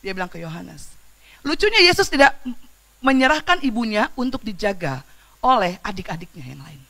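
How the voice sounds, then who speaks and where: Speaking at an ordinary pace in a mid-range voice, a woman gives a church sermon that feels informal and animated. She alternates between exclamations and soft storytelling, dropping slang and asking the congregation questions.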